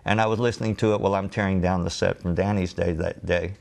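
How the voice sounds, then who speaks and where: An older man who used to work as a TV audio engineer tells a rambling story, with lots of filler pauses. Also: low voice, fairly even intonation, vocal fry, a little mellow. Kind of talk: oral-history storytelling.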